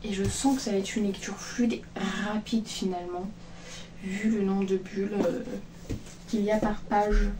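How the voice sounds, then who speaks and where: A woman's voice: medium pitch, steady tone, moderate pace, dark tone. Woman, casual vlog chat, rambling, filler-heavy, a bit distant from a phone mic, faint background noise. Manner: chatty, rambling with many fillers and restarts. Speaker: manga vlogger. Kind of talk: casual book haul chat.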